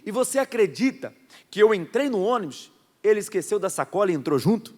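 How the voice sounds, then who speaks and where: A Brazilian man preaching as a pastor, with a somewhat high voice. He tells stories animatedly, acting out the dialogue in raised voices and using frequent fillers. His voice carries a long reverb from a church hall. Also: very animated, fairly quick, darkish tone. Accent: Brazilian Portuguese. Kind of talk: sermon with storytelling.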